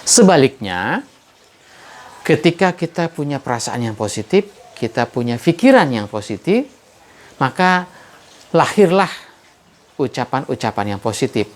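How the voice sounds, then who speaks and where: A man hosting his own channel, telling a moral story slowly and thoughtfully, pausing often with "eh" and lifting his voice on key points. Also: big pitch swings. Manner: unhurried, measured, frequent "eh" pauses; rises in pitch and force on key points. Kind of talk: reflective moral storytelling monologue.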